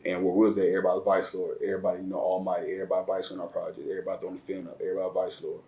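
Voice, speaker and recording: This interview guest from around Chicago, Illinois, has a very low, monotone voice and reflects on his own life story. His delivery is slow and flat, heavy on slang and repeated words, captured in an echoey room.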